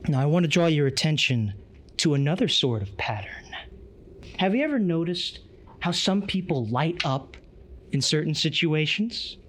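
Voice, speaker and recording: A man's voice: a little high, animated, moderate pace, a bit bright. A man giving an earnest, emphatic conference lecture, reading from a tablet.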